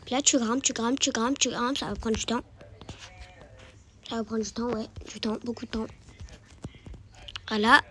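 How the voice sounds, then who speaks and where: A woman's voice: a little high, steady tone, normal speed, pauses often, a bit bright, a little hiss or hum, rough recording. A woman giving casual gameplay commentary, chatty and repeating words as she guides the viewer. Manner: chatty, repeats words while guiding the player. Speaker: gaming YouTuber.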